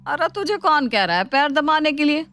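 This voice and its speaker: A woman voicing a scheming, sharp-tongued mother-in-law who taunts and mocks her daughter-in-law in a cartoon story. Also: high-pitched, animated, normal speed, soft background music. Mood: mocking. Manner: taunting, mocking. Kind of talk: cartoon voice acting.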